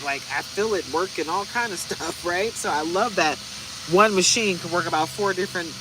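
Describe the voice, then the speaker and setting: This tarot reader, a woman in her forties, keeps up a chatty, viewer-facing patter during a casual reading vlog. She has a lowish voice and a moderate pace, and the background is noisy.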